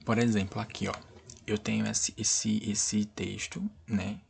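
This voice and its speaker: A man's voice: lowish voice, little pitch movement, measured pace, vocal fry, a little mellow. A man with a Brazilian Portuguese accent teaching an online class. He explains things over and over and keeps checking that his students understand.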